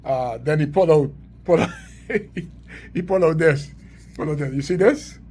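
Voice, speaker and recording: A man's voice: fairly high pitch, moderate pace, a little mellow. A middle-aged Bahamian man with a Bahamian accent, telling community stories in an emphatic, repetitive, preaching way. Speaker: community sports organizer. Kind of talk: storytelling monologue.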